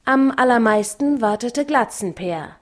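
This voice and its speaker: A woman narrating a children's novel as an audiobook, calm and measured. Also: a little high. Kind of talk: audiobook reading.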